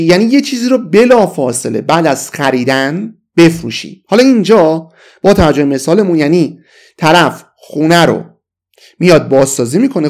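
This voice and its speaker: In a casual, enthusiastic lesson, a man with a Persian accent teaches English vocabulary, pronouncing the English phrases slowly. His voice is a little high and a little mellow.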